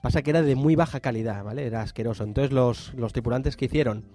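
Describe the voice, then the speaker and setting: A man's voice: mid-range voice, fast talker, warm tone, faint music behind. A man co-hosting a podcast, telling anecdotes casually with many tag questions. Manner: storytelling with many filler tags and restarts. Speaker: podcast co-host.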